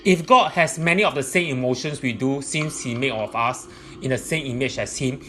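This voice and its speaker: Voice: medium pitch, fairly bright tone, slight background noise. A presenter giving explanatory religious teaching in a methodical, point-by-point way.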